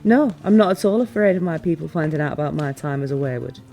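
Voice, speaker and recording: This immersive audio roleplay features a woman as a playful ruler from a fantasy world, speaking fast in a reflective, candid mood. Her fairly low voice carries formal, expressive phrasing over faint background music.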